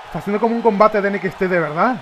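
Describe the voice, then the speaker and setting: A man with a Spain Spanish accent giving excitable live commentary over a wrestling video game, reacting with shouts. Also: high-pitched, racing. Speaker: gamer. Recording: loud game crowd and noise behind. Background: wrestling game crowd noise.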